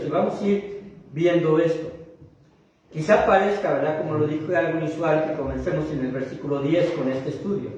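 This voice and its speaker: A man with a Mexican accent preaching a sermon to his congregation, drawing out key words slowly and checking in with them often. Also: fairly high pitch, a little mellow. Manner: addresses the congregation, often tags "¿verdad?"; slow, emphatic phrasing of key words. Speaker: pastor. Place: church sanctuary. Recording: very echoey hall, mic at a distance, dull sound.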